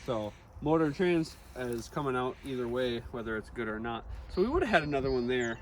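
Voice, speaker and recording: A man from Wisconsin chatting casually with quick asides while touring old vehicles. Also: mid-range voice, animated. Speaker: auto shop vlogger. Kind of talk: casual walkaround chat. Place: outdoor junkyard lot. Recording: outdoor recording with clear background noise.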